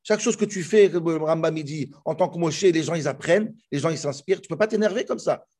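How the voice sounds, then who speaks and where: A man teaching a Torah class, explaining the commentaries in a lively way that often restarts and jumps in pitch. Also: a little fast.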